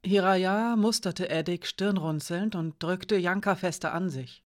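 A woman narrating a story aloud in a lowish voice. Her reading is measured and even, with clear, scripted delivery. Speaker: audiobook reader.

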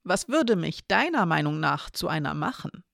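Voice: medium pitch, sing-song, moderate pace, gravelly, a bit bright, no room sound, studio quality. A storyteller reading the lines of Elena, a nervous but teasing young woman who speaks hesitantly and then hastily, in a storybook reading. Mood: candid.

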